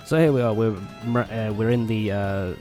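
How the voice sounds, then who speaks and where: Still recovering from a cold, this young let's play host talks in a lowish voice at normal speed, giving loose, profane commentary on his game. Loud game music fills the background.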